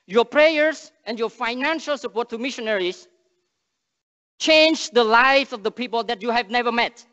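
A young man from Cambodia, speaking English with a Cambodian accent, gives an earnest church sermon and prayer, with halting phrasing and frequent restarts. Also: extremely high pitch, a bit bright. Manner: earnest, halting non-native English with restarts and emphatic rises. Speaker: missionary speaker. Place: large church sanctuary stage. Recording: long church reverb, dull sound.

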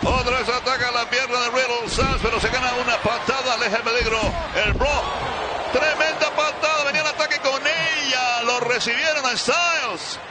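A man calling wrestling play-by-play as a commentator, excitable and dramatic, in short bursts. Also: extremely high pitch, moderate pace, heavy background noise. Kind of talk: play-by-play wrestling commentary in Spanish-language broadcast. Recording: loud arena crowd and ringside thuds. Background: roaring wrestling crowd.

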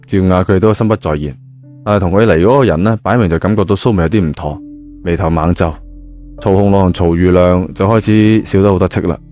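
A low-pitched, slightly mellow male voice tells a novel at a quick pace. The Cantonese-accented narration feels like casual conversation, with many spoken particles, and there's music playing behind it.

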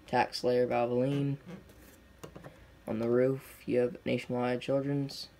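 A young man giving casual unboxing video commentary in plain, unscripted, short clipped phrases. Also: mid-range voice. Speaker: diecast collector reviewing on camera. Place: indoors at a tabletop display. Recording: noisy home recording with clicks.

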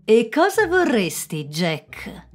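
A woman voicing a proud, menacing male devil who booms his threats in a storybook tale. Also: wildly swooping pitch, slow, faint music behind, exaggerated voice.

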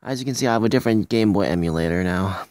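A man's voice: fairly low pitch, very fast, a little mellow, dry recording. A young man rambling through casual let's play commentary, full of fillers and restarts. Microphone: phone recording.

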